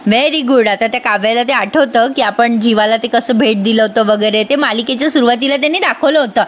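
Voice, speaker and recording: A woman with a high, bright-sounding voice and a Marathi accent recaps a TV serial episode in a chatty voice-over. She switches into the characters' lines as she goes and throws teasing asides straight to her viewers. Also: fast. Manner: chatty, retells dialogue with lively character voices.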